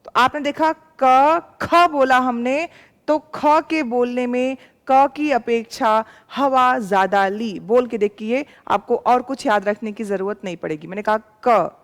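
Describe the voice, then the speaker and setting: High-voiced woman teacher, echoey hall. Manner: patient and explanatory, sounding out letters slowly; addresses students as "beta". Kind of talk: classroom lecture for exam students.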